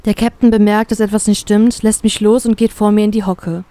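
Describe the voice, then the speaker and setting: Woman reading fanfiction in a mellow voice. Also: mid-range voice, level tone, brisk, no room sound. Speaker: reader. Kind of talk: first-person fanfiction audiobook narration.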